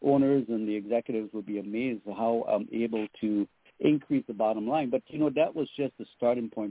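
A man's voice: mid-range voice, dry recording. Middle-aged male radio guest calling in on a dry, tinny line; earnest, faith-driven, filler-heavy. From Trinidad and Tobago. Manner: earnest, spiritual, with many fillers. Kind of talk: radio interview.

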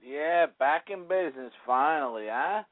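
A man's voice: on the high side, unhurried, no echo. A man co-hosting a radio show in casual chat. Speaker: radio co-host. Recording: phone-like lo-fi audio.

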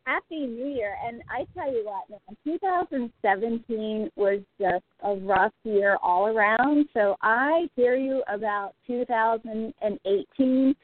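A woman's voice: on the high side, unhurried, hardly any pauses, no echo. A woman speaking as a podcast guest on a speakerphone, her voice muffled as if through a wall, hesitant with many restarts. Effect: muffled, as if heard through a wall. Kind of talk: casual interview chat. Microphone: phone on speaker. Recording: muffled phone line on speaker.

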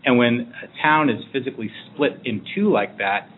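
A man explaining things as an interview guest in a measured way. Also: medium pitch. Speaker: interview guest, regional planning director. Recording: narrow muffled phone-like sound with faint noise.

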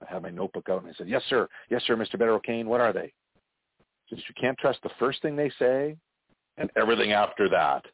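Over a tinny phone line, a Canadian interview guest who works as a franchise consultant tells stories and cracks jokes, laughing frequently. His voice is lowish and quick-paced, with no echo.

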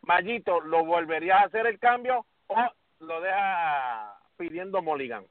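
Animated man on a tinny phone line. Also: high-pitched, a little slow, no echo. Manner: animated, addresses co-host by name often. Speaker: sports podcast host. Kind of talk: casual sports talk.

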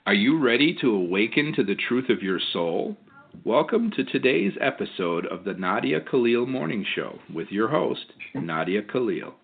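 A man's voice: medium pitch, sing-song, moderate pace, creaky, narrow, tinny audio. A man reading a scripted introduction as the announcer of a morning show.

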